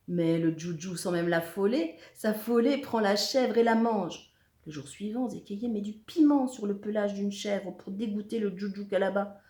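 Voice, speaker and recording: A woman teacher reading a children's story aloud, expressive and at times dropping to a whisper. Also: mid-range voice, reverberant. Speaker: schoolteacher.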